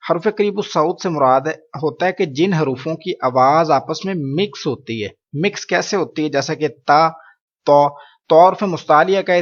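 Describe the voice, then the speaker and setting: Guy teaching quran letters, says each sound slow then explains, kinda muffled audio. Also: fairly high pitch. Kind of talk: teaching Arabic letter pronunciation.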